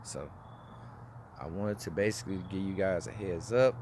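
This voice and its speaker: A man in his forties talks through his experience in a loose, rambling way, often restarting sentences. His voice sits fairly low. Traffic and street noise can be heard clearly behind him. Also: normal speed, a little mellow. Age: 40s. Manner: rambling, with frequent restarts and fillers. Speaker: vlogger. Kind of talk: casual personal review.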